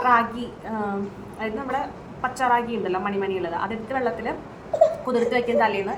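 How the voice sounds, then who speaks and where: A young woman from Kerala, a mother, chatting casually in a home vlog from her bedroom and often adding little "you know" tags. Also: on the high side. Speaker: vlogger and mother of a baby. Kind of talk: casual daily-life vlog. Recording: clear room ambience noise behind.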